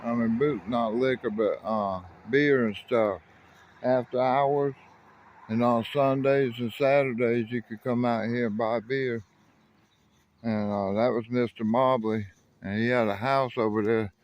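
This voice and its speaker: A man's voice: medium pitch, fairly even intonation, measured pace, dull audio. A middle-aged man from South Carolina, rambling casually as he films by a rural road and railroad, often correcting himself. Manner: folksy, rambling, self-correcting. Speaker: railfan vlogger. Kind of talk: casual outdoor narration. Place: outdoors by a rural highway and railroad.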